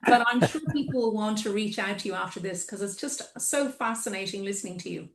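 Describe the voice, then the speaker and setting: A woman's voice: mid-range voice, fairly quick. A woman hosting a casual spiritual interview. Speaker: host. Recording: roomy, echoing sound.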